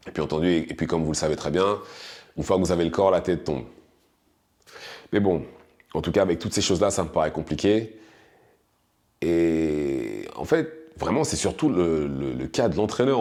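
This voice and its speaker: Male boxing commentator, deep voice, casual hesitant delivery with restarts. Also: lively intonation, normal speed, long pauses, a little mellow. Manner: hesitant, many restarts and fillers, conversational. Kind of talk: casual spoken analysis.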